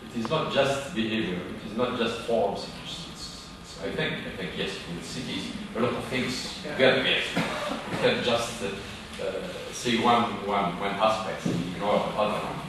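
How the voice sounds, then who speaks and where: A middle-aged man with a lowish voice asks a question from the audience and keeps stopping to find his words. He sounds far away in a large, reverberant hall. A steady hiss of room noise sits underneath. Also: unhurried, hardly any pauses. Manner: hesitant, searching for words with many restarts. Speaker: audience member asking a question. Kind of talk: question from the floor at an academic workshop. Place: seated in the audience of a large auditorium. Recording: echoey hall picked up from afar, with background noise.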